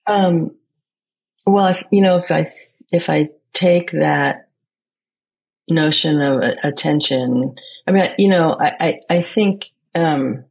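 A woman's voice: low-pitched, slow pace, vocal fry, pauses often, breathy edge, low-quality recording. An American woman speaking as an interview guest, thoughtful and searching for words with frequent restarts. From United States. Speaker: guest, poet and playwright. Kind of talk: reflective conversation.

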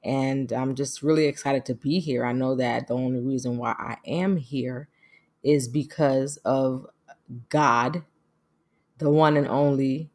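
A woman's voice: very deep voice, steady tone, a little slow, darkish tone. A middle-aged woman speaking casually and earnestly as she hosts a personal podcast, with a reflective, devout manner. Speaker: podcast host.

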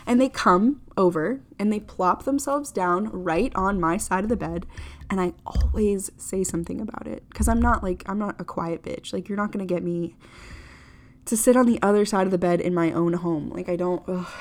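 A young woman from the United States talks alone into the mic for her podcast, her pitch sitting a little low for a woman. She rambles freely, peppering every thought with "like" and dropping blunt curses without a second thought. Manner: rambling, chatty, frequent "like" fillers, blunt and profane. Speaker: podcast host. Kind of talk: casual solo podcast chat.

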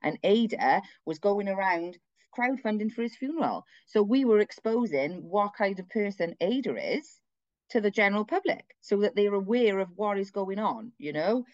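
A woman's voice: mid-range voice, lively intonation, normal speed, darkish tone, dry recording, highs cut off. A woman telling a story in a blunt, chatty, rambling way, full of asides. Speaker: activist describing a street protest. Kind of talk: casual conversational storytelling.

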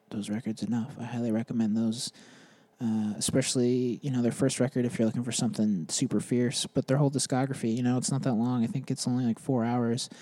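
A man's voice: mid-range voice, dark tone, dry recording. A young man hosting a podcast, chatting casually about bands in a rambling way with lots of fillers. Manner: rambling, filler-heavy, laughs at himself. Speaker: podcast host. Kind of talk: casual music chat.

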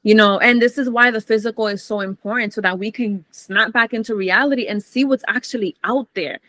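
A woman guest on a podcast talking in a casual, animated and blunt way, swearing freely. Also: a little high, brisk, no room sound.

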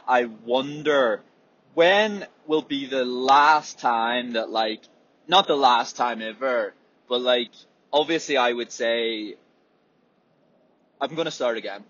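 A man with a husky, swollen-sounding sore throat, talking in a rambling, reflective, hesitant way on a casual solo podcast. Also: medium pitch, a bit bright, muffled recording. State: sore, swollen throat, often needing clearing. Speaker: podcast host and athlete.

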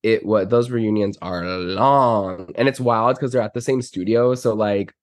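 A man's voice: fairly low pitch, measured pace, dry recording, studio quality. A man with a stuffy, congested nose from being sick, chatting casually as a podcast guest in a gushing, slangy, emphatic way. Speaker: podcast guest, celebrity stylist. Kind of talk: casual chat.

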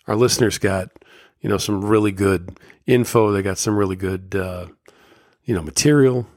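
On his solo podcast, a man with a lowish voice speaks openly and encouragingly, a summer cold leaving him a bit scratchy. The studio-quality recording has no room sound.

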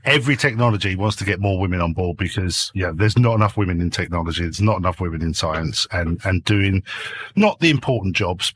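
A man on a podcast as a guest, talking jokily through a noise-cancelled desk mic and laughing often. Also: low-pitched. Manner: jokey, animated storyteller who laughs often. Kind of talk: casual chat.

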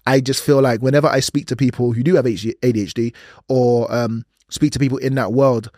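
A man's voice: medium pitch, steady tone, fairly quick, darkish tone, no echo, clean studio sound. A man hosting a casual solo podcast, rambling and self-deprecating, often laughing at himself. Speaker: podcast host.

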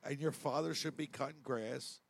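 A man's voice: fairly high pitch, steady tone, normal speed, gravelly. A man co-hosting a sports talk show, trash-talking in heated, crude banter. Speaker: podcast co-host.

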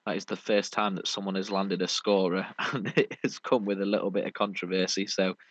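A British man hosts a sports podcast, chatting casually and explaining things in a matey, rambling way. His voice is low-pitched and steady, a little fast, and the dry recording has a dull lo-fi quality.

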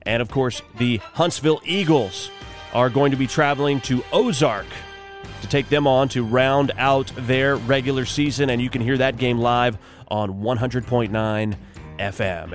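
A man hosting a morning radio show in upbeat, folksy, exclamatory patter. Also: mid-range voice. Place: radio studio.

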